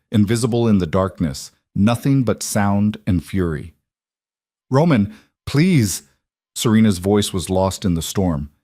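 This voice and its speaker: Low-voiced man narrating a dramatic story. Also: darkish tone, no echo, clean studio sound.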